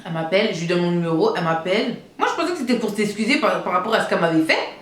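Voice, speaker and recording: A young woman from Côte d'Ivoire, telling a story to her viewers in an animated, emphatic way. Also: fairly low pitch, rapid-fire, reverberant. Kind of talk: casual storytime monologue.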